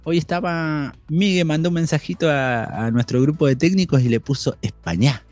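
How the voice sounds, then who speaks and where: A man co-hosting a casual tech podcast, talking with many restarts and fillers and reading news quotes quickly. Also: a little high, darkish tone, faint music behind. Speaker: podcast co-host.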